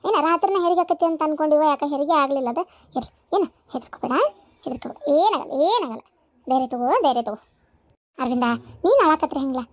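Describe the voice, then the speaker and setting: A shrill, nagging older village aunt in a cartoon, voiced by a woman. She has a North Karnataka accent and a very high, piercing voice, and she rattles on at a fast clip. The recording is dry and close. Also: animated, no echo. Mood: soothing. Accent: North Karnataka Kannada. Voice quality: shrill, scolding. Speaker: aunt at a childbirth. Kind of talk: cartoon voice acting.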